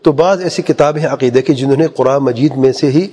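A man preaching with a slightly husky, breathy voice, his words carrying a long echo as if in a large hall. He speaks earnestly, often lifting his voice into rhetorical questions and weaving in Arabic quotations. His pitch sits in an ordinary middle range. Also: mellow. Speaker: Islamic preacher. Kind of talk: religious lecture.

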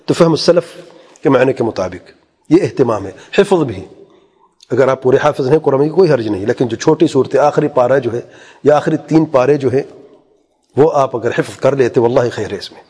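A man preaching with a slightly husky, breathy voice, his words carrying a long echo as if in a large hall. He speaks earnestly, often lifting his voice into rhetorical questions and weaving in Arabic quotations. His pitch sits in an ordinary middle range. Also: darkish tone. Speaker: Islamic preacher. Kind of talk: religious lecture.

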